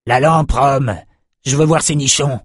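A man's voice: mid-range voice, measured pace, breathy edge, dry recording, clean studio sound, voice pushed up. A man reading an audiobook, voicing a brutish, coarse male sailor who barks crude lines. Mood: leering. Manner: crude, barking. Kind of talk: audiobook character voice.

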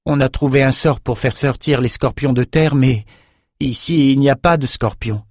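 A man's voice: medium pitch, normal speed, a little mellow, no room sound, clean studio sound, voice pushed up, lightly acted. A man voicing a young male student mage who talks hesitantly and earnestly in a storybook reading. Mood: glum.

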